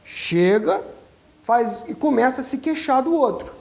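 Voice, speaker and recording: Pastor com voz rouca e arranhada. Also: male voice, very high voice, a little slow, vocal fry. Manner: asks the audience many rhetorical questions; animated, colloquial preaching. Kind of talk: teaching sermon to church leaders.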